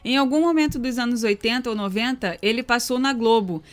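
A Brazilian woman with a slightly high voice reads listener messages aloud in a relaxed, chatty way. She adds brief remarks between the comments, as a podcast co-host. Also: fairly quick. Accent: Brazilian Portuguese. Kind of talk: reading listener comments, casual chat.

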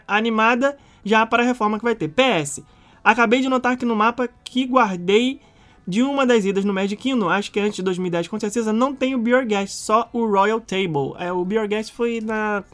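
Brazilian man, rapid talker, slangy and animated storytelling, stumbles and restarts, casual podcast chat. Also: high-pitched. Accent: Brazilian Portuguese. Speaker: podcast co-host.

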